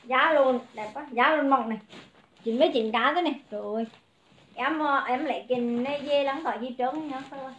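A woman selling clothes on a livestream, briskly calling out prices and greeting viewers by name. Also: high voice, roomy sound. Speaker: online clothing seller. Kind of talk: livestream sales pitch.

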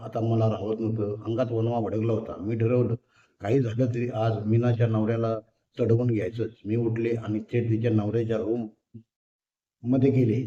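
A man's voice: medium pitch, dark tone. A man narrating a story aloud in a woman's first person, reading steadily. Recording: roomy, dull lo-fi recording.

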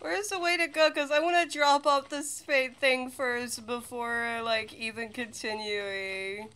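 A woman streaming a game, talking casually and excitably to friends. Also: a little high, a little slow, clear, resonant tone, low-quality recording. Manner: excitable, swings to loud yelling. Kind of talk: casual gameplay chat.

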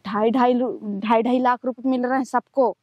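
Woman in a village comedy skit, chatty and scolding on the phone, high voice, noisy clicky recording. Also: steady tone, moderate pace, highs cut off. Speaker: comedy sketch performer. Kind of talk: rural comedy sketch, phone call.

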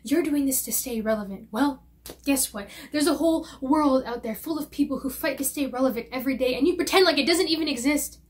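A woman's voice: high voice, fairly quick, close to an everyday voice. A young woman performing a dramatic monologue as an angry, scornful daughter confronting her father. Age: young adult. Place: indoor studio against plain backdrop.

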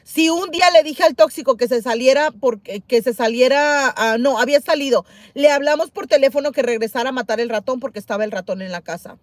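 A woman's voice: fairly quick, hardly any pauses, no echo. A middle-aged woman chatting casually on a livestream, reading viewer comments aloud and exclaiming with many repeated words. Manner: animated, exclaims and repeats herself, swings high and loud. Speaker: couponing livestream host.

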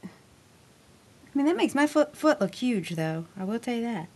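A mother in her thirties gets dressed in a small bedroom closet at home, complaining and swearing in a casual home-video chat while her child films her on a handheld camera. Her voice is fairly high and dark in tone, very animated, at normal speed.

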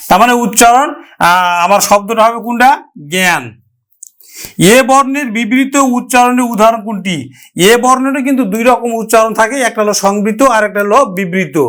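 A man's voice: very high voice, a bit bright. A man with a Bangladeshi Bengali accent teaching an exam-prep grammar lesson, explaining step by step and repeating words to model their pronunciation.

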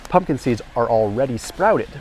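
His medium-pitched voice is a little mellow, with lively intonation at a normal speed, and the small lapel mic adds a little hiss or hum. He is a health and nutrition vlogger in his thirties, energetically explaining nutrition to camera as he walks a warehouse store aisle in an educational grocery walk-through of the large indoor store.

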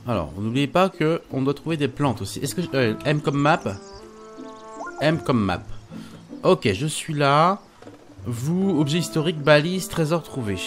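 A man's voice: fairly high pitch, lively intonation, a little slow, faint music behind. A man giving casual let's-play commentary, chatty and stumbling, reading game text aloud and swearing lightly. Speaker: gaming YouTuber.

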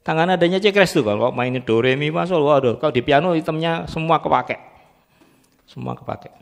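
A man runs a music training class and keeps quizzing his students on letter names and solfege syllables. His voice sits a little high for a man. A long reverb from the hall trails after his words. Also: brisk, vocal fry. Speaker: music teacher. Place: church training room.

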